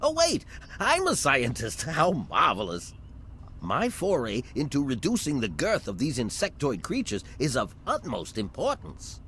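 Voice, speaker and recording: Wildly animated mad scientist. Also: male voice, mid-range voice, a little slow, slight background noise, exaggerated voice. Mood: gleeful, self-satisfied. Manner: theatrical mad scientist, pompous, erudite and self-delighted. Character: excitable, pompous male mad scientist in a game. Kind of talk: video game character acting.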